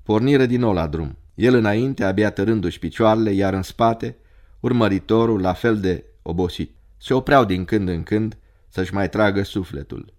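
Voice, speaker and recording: A man narrating a story in a measured, dramatic reading. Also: lowish voice, a little mellow.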